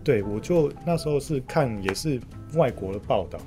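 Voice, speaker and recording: A man with a Taiwanese accent talks at a middle pitch in a casual podcast style, with soft guitar music underneath. He speaks as a guest commentator, haltingly, doubling up short agreeing words as he goes. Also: lively intonation. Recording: music playing under the talk.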